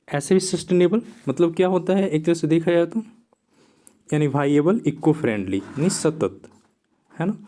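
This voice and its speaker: Male tutor, slow and deliberate, repeats each word and checks in with short tag questions while writing on a board. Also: on the high side, mellow. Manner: writes on a board while explaining. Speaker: teacher. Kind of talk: exam vocabulary lesson.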